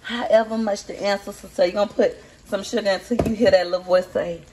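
A woman's voice: medium pitch, fairly even intonation, fast talker, noisy background. A woman filming a casual home cooking video, chatting folksily to her viewers while she stirs a pot. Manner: chatty, folksy, talks to viewers as Peach Patch. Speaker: cooking vlogger. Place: home kitchen.

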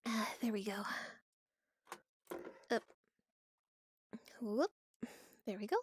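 A woman's voice: medium pitch, slow, slightly rough. A woman hosting a casual live stream, playful and laughing often, with sudden mock-dramatic outbursts. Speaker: livestream host. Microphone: VR headset.

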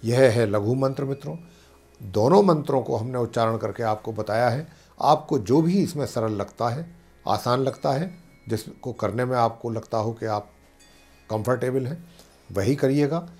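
A man, an astrologer and pandit, calmly explaining planetary mantras and slowly chanting them. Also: mid-range voice. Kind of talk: devotional teaching talk.

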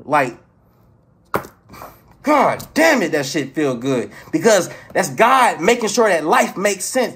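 A man giving a casual, profane motivational rant to his viewers, preachy and excitable, swinging between loud outbursts and low murmurs. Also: breathy edge. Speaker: spiritual motivational vlogger.

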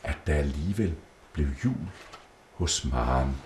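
A man reads a children's Christmas tale in a low, deep voice that rises and falls with lively expression. The room around him gives the voice a noticeable echo. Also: slight background noise. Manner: gentle, lively storybook reading. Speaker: storyteller. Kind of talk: reading a Christmas story aloud. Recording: roomy echo.

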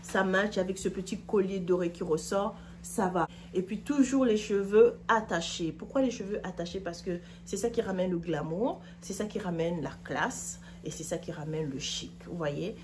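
A woman's voice: mid-range voice, moderate pace, hardly any pauses, darkish tone, slight background noise. A woman in her thirties, a fashion vlogger seated on a couch in her living room, giving a chatty, opinionated outfit review straight to her viewers. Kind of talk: casual outfit review to camera.

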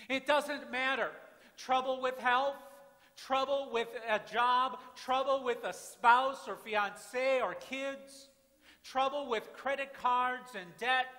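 A pastor, preaching a dramatic sermon that swings from hushed to loud, recorded from the back of a church. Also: male voice, extremely high pitch. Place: church sanctuary with congregation. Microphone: far camera at back of church. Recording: reverberant church from far off.

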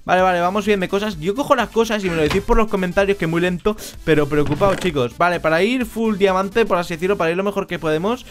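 Chatty high-voiced Spanish gamer man. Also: quick pace, few pauses. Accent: Spain Spanish. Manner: chatty, joking, bursts into shouts. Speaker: Minecraft gameplay YouTuber. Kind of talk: casual gaming commentary. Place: at home. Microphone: headset.

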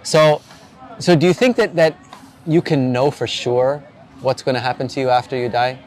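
Outdoors by the sea, a man in his forties conducts a street interview about faith, pressing a stranger with earnest, probing questions and often restarting. He speaks at a moderate pace in a mid-range, slightly mellow voice, with a little hiss or hum in the audio.

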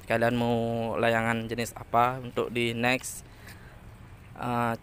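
A man's voice: mid-range voice, monotone, slow, a bit bright, a little hiss or hum. A man hosting a casual kite-making vlog, chatty and often calling viewers boss. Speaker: kite maker and channel host. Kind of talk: casual tutorial vlog narration.

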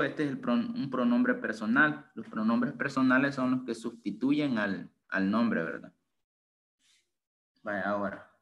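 Brief: young male tutor on a video call, even middle pitch, patient and step-by-step, mixing two languages. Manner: explains slowly, switches between two languages, asks "right?". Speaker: English tutor. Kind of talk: online bilingual grammar lesson.

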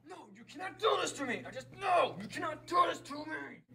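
A man's voice: fairly high pitch, lively intonation, fairly quick, far from the mic, crowd noise, close to an everyday voice. A young man playing a frantic, melodramatic student in an amateur comedy film. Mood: frantic pleading. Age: young adult. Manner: melodramatic, exclaiming. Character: frantic, whiny student battling a treacherous computer. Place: school rooms and hallways, indoors. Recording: echoey, noisy room, off-camera mic.

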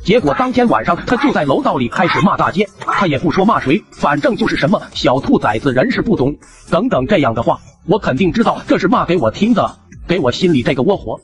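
A man's voice: sits high, sing-song, quick pace, hardly any pauses, over music. Wry young man narrating a cartoon. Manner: chatty and wry. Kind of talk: comic storytelling narration.

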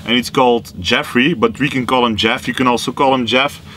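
A young man introduces his vlog in an easygoing, casual way, sometimes stumbling over a word and starting again. His voice sits at an ordinary middle pitch. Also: steady tone, fairly quick, a bit bright, slight background noise. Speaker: vlog host. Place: outdoors on an office campus, then a small office booth.

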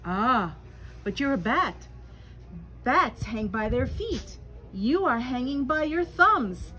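A woman's voice: high-pitched, big pitch swings, takes it slowly, sharp tone, exaggerated voice. A woman voicing a puzzled, bluntly correcting bat in a storybook, with emphatic explaining. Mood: insistent.

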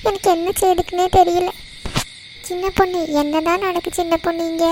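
A frantic village mother in a cartoon, played by a woman, with a very high voice that hardly moves up or down. She calls out and pleads loudly. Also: little pitch movement, fairly quick, a little hiss or hum, rough recording. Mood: alarmed. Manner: calling out, pleading. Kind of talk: cartoon voice acting.

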